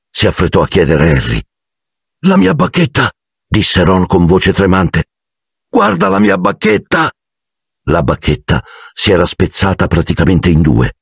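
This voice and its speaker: A man narrating an audiobook with measured, dramatic storytelling. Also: deep voice, husky, no room sound, studio quality.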